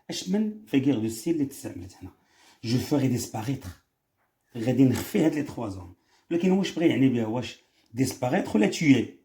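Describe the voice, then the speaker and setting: Male teacher, Moroccan accent, gravelly and dark-toned, dictates slowly and explains fast. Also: medium pitch. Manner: switches between slow, careful dictation and quick explaining; asks questions and answers them himself. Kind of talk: exam correction lesson.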